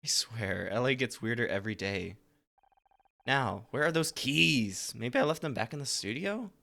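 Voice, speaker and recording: A man's voice: mid-range voice, animated, normal speed, vocal fry, bright, forceful tone. A man reading the lines of a curt, sarcastic woman who plays a detective, in a game. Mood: weary.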